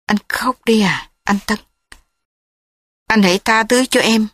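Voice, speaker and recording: Brief: a woman doing a young wife in a storybook reading, high, shrill, upset, dry close sound. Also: lively intonation, normal speed, fairly bright tone, no echo. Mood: pleading. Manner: raised, shrill pleading. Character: young wife, angry and distraught.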